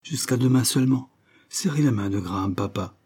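A man's voice: mid-range voice, a little fast, dark tone, slightly rough, natural voice. A man reading an audiobook, voicing a young woman who earnestly pleads with her father. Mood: coaxing. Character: young woman, devoted loving daughter.

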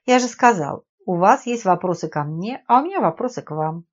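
A woman voicing a calm, ironic middle-aged male spy chief who speaks in an unruffled, dryly persuasive way, in an audiobook. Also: medium pitch, a little fast, natural voice. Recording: dull lo-fi audiobook recording.

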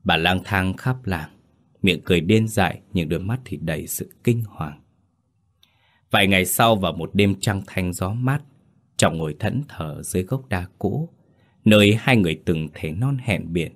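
Deep-voiced man narrating a horror story. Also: normal speed. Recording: faint background music.

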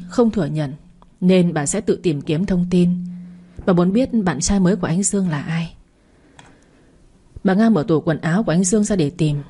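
A woman narrating a scripted family drama story in a steady, measured way. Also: fairly low pitch, slightly rough.

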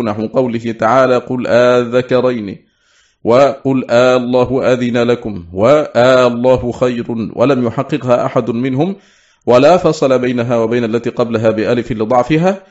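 Guy doing a formal classical book reading, measured, slows on the quotes, muffled lo-fi audio. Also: medium pitch, darkish tone.

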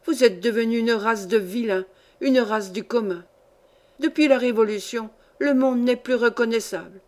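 A woman's voice: on the high side, normal speed, a little mellow, close to an everyday voice. A woman reading a story aloud, voicing an indignant, worldly old grandmother who lectures her granddaughter with scorn. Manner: scornful, lecturing, sweeping tirade. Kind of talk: audiobook reading.

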